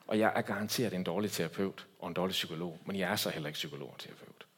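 A man preaching a sermon as a pastor, swinging between loud emphatic lines and hushed quiet ones. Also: deep voice, slightly rough.

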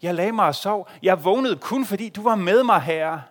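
An anguished warrior-king on the run, crying out to God in fervent, pleading prayer, as a preacher gives him voice. The voice sits fairly high and swells loud with emotion. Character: anguished fleeing warrior-king praying aloud.

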